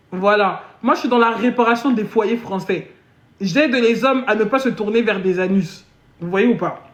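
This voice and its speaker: A woman live streaming a comedic chat, boasting and switching into deliberately broken English. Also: medium pitch. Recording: dull echoey room audio.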